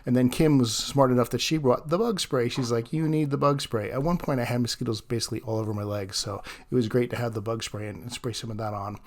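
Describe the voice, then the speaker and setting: A man's voice: medium pitch, steady tone, fast talker, few pauses. A man narrating his fishing travel vlog in a casual, chatty way, laughing often between phrases.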